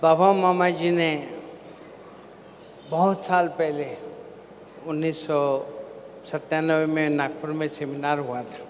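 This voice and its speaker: Slow, measured man in an echoing hall. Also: on the high side, fairly even intonation. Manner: asks the audience questions, then answers them himself. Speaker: spiritual seminar speaker. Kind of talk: devotional talk to a live gathering. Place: large hall with an audience. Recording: long hall reverb, faint background noise.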